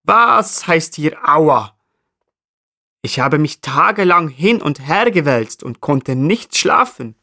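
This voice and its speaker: A man's voice: on the high side, expressive, takes it slowly, sharp tone, pitched above the performer's own voice, heavily acted. A man voicing an itchy, grumpy male marmot in a children's story. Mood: annoyed. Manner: annoyed, then eager.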